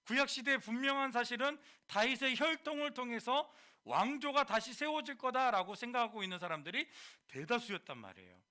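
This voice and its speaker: A man preaching to a high school youth group, animated, quizzing the listeners and slipping into casual speech. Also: fairly quick, few pauses.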